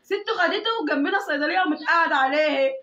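Distressed, crying young Egyptian woman, high voice. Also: racing, bright, forceful tone. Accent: Egyptian Arabic. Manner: distressed, pleading, swearing oaths. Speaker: woman recounting an assault. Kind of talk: tearful testimony. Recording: echoey, muffled sound.

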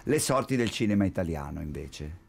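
A man's voice: deep voice, very animated, fairly quick, creaky, slightly rough. A man in his forties bantering as a radio co-host, teasing and repeating his phrases. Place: indoor radio studio. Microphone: studio mic on boom.

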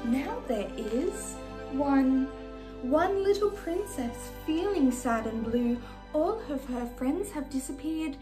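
Woman playing high-voiced Princess Aurora, storytelling. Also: slow, poor audio. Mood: sweet storytelling. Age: young adult. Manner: animated, sing-song, enunciated for small children. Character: sweet, gracious young fairy-tale princess. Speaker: children's party entertainer reading a storybook. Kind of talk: children's storybook reading in character. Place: small decorated room indoors. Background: music.

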